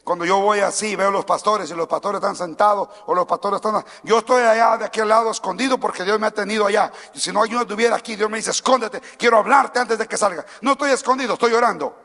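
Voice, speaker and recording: Male pastor preaching, high ringing voice, shifts from calm teaching to shouting, long church hall reverb. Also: quick pace, few pauses. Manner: swings from quiet teaching to shouted exhortation; mimics timid churchgoers in a small mocking voice. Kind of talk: sermon. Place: church sanctuary.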